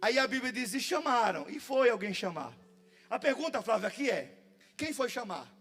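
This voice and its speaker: A man with a Brazilian Portuguese accent preaching a fervent pentecostal sermon at a church service, often shouting and chanting phrases. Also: very high voice, big pitch swings, moderate pace. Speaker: pastor.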